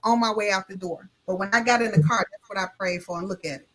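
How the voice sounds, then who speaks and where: This time the Illinois notary speaks quickly, in a mid-range, slightly rough voice, as a guest on a live talk show heard through a video call. Her casual story, which includes talk of her faith, comes alive as she voices each person in it.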